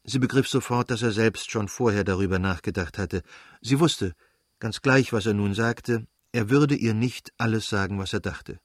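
A man narrating a classic novel aloud in a measured, even manner. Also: fairly low pitch, no room sound, studio quality. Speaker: audiobook narrator. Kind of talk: scripted literary narration.

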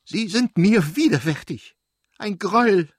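A man voicing a bitter, furious betrayed noblewoman in a shrill, raised voice. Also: animated, moderate pace, a little mellow, husky, no room sound, studio quality. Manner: shrill, screaming outbursts.

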